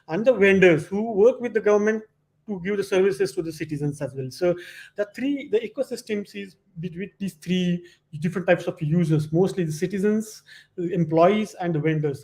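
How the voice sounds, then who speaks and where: A man giving an informal slide presentation, speaking in halting, repetitive phrases with many verbal fillers. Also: high voice, darkish tone. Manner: hesitant, halting phrasing with frequent repetition and "you know".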